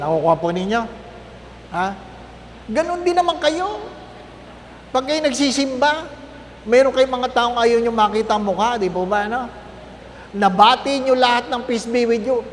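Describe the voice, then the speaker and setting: A man's voice: very high-pitched, reverberant, in a large hall, a little hiss or hum. A man, a priest, gives a conversational Lenten talk to a congregation, often checking in with tag questions. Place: parish church.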